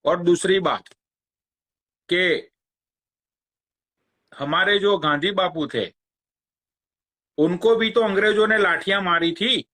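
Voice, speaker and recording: A man, ranting on a phone live stream in a slow, crude, mocking way. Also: sits high, sharp tone. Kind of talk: angry rant on a live stream.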